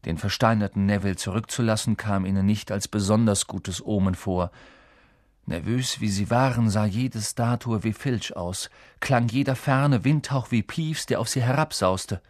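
A man narrating a storybook audiobook in an expressive way. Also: fairly low pitch, moderate pace, no echo, clean studio sound.

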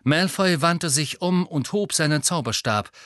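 A man narrating an audiobook with an expressive, dramatic reading. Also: a little high, measured pace, no room sound, studio quality. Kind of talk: scripted narration.

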